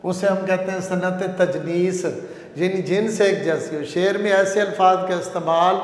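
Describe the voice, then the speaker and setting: A man's voice: sits high, steady tone. Man lecturing in an echoey hall. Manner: repetitive, explains slowly with examples. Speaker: Urdu grammar lecturer. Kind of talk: classroom lecture. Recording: echoey classroom with long reverb.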